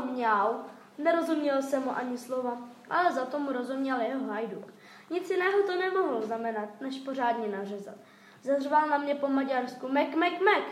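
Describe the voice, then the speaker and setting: A woman doing a shaken, battered robber, high voice, dramatic storybook telling, roomy echo with faint hiss. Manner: dramatic, emphatic retelling. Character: beaten, frightened male robber telling his tale. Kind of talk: storybook reading. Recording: echoey room, faint noise.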